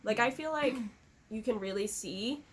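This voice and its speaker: A woman's voice: on the high side, expressive, unhurried, husky. A woman co-hosting a podcast in casual chat, chatty and enthusiastic, coughing now and then. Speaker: podcast co-host.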